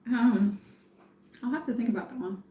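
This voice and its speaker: A woman who grew up in France, chatting casually on a live stream and thinking aloud with many pauses and fillers. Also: fairly high pitch, highs cut off. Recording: echoey room.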